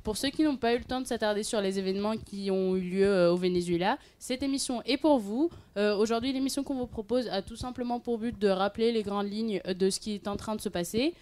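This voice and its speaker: A woman's voice: mid-range voice, fairly quick, few pauses, darkish tone. A young woman hosting a student radio show, casual and hesitant, with many fillers. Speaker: host.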